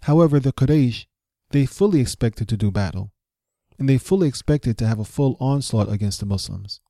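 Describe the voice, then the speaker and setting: Mellow-voiced man telling history. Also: medium pitch, expressive, brisk, no echo, studio quality. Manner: conversational, rhetorical questions, speculative asides. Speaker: history teacher. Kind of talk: storytelling history lecture.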